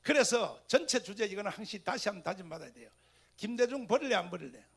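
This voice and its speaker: A man giving a fiery rally speech, firing rhetorical questions at the crowd, with sudden loud bursts and religious exclamations. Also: high-pitched, big pitch swings, quick pace, vocal fry, slightly rough. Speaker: speaker addressing a political rally.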